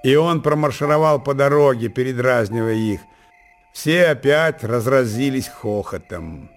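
A man narrating classic prose in a measured storytelling manner. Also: medium pitch, expressive, faint music behind. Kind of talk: audiobook reading of classic prose.

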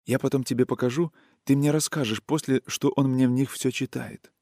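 A man reading a storybook voices a gentle, wistful young woman who speaks in soft, caressing, sing-song folk speech. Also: mid-range voice, fairly quick, gravelly, no room sound, studio quality, voice pushed up. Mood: tender.

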